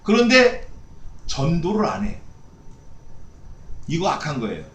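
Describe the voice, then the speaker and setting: A man's voice: fairly high pitch, wildly swooping pitch, a little slow, fairly bright tone, slight background noise. A man preaching a sermon as pastor, firing off rhetorical questions and repeating short punchy phrases. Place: church sanctuary. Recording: echoey church hall.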